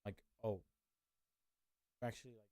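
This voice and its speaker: Streamer guy rambling about the story, warm mellow voice, dry close sound. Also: fairly low pitch, steady tone, moderate pace, dry recording. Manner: rambling, hedging with fillers. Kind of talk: casual commentary.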